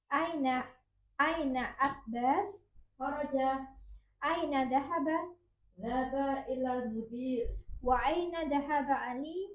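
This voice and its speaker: A woman student with a high voice reads a practice dialogue slowly and carefully, stumbling and restarting now and then. Her audio is echoey and muffled, with a dull lo-fi sound. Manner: halting, careful reading with restarts. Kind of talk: reading practice dialogue aloud.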